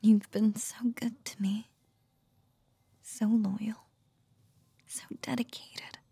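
A woman voicing an ancient, possessive nine-tailed fox goddess in a whispered ASMR roleplay, speaking in a slow, teasing, breathy murmur. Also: mid-range voice, level tone, dark tone, no echo, heavily acted. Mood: seductive, teasing.

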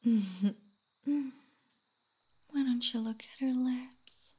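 A woman speaking in a teasing, taunting whisper for a roleplay audio, with soft hums and sighs between lines. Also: a little high, very slow, a little hiss or hum. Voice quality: breathy. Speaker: voice actor.

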